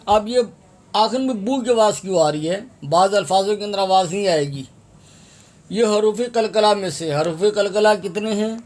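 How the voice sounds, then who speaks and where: A man teaching Quran reading in a slow step-by-step lesson, asking and answering questions and repeating syllables again and again. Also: high voice, darkish tone.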